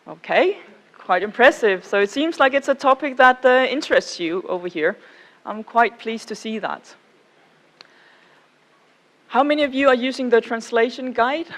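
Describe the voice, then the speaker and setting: A woman from Denmark, speaking with a Danish accent at medium pitch, presents at a conference in a casual, measured style and checks in with those listening.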